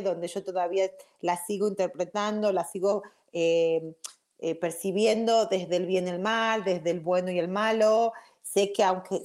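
A woman giving a casual motivational talk, lively and expressive, mixing in English words. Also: mid-range voice. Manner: lively, acts out feelings, mixes in English words. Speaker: spiritual speaker.

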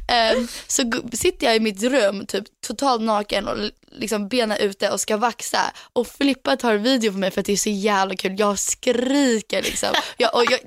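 A young woman with a slightly high voice tells frank, animated stories in a casual chat, acting out quotes and swearing freely. She slides between Swedish and English mid-sentence. The sound is close and dry, with no room around her. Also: no room sound. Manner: animated storyteller who acts out her own quotes. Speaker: podcast co-host.

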